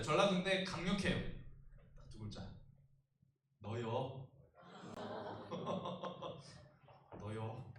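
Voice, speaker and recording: Pastor in an echoey church hall. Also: male voice, fairly high pitch, distant mic, background noise. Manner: humorous, asks the congregation questions. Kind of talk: youth sermon. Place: church sanctuary.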